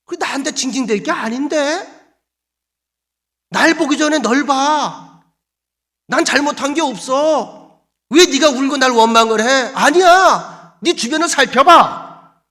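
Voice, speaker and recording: A man's voice: very high voice, measured pace, long pauses, sharp tone, pitched above the performer's own voice, heavily acted. A man voicing God, who bluntly and teasingly scolds a complaining man to look at himself instead. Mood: chiding. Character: God, wry and chiding, firm and amused.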